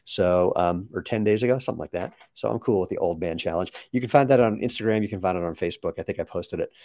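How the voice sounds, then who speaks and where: Answering viewers on a live Q&A stream, a sixty-something company founder talks casually and explains with asides. His voice is low, a little mellow and fast, with no room sound at all.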